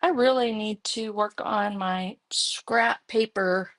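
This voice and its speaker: A woman's voice: medium pitch, takes it slowly, a bit bright, no echo. A woman with a Texas accent hosting a casual card-making demo, chatting and thinking aloud as she works. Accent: Texan. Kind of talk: casual live crafting demo.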